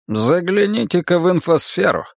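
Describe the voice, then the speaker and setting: A man reading an audiobook, voicing a brisk male servant who is dryly polite and prodding. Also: high-pitched, very animated, vocal fry, dry recording, studio quality, pitched above the performer's own voice, exaggerated voice.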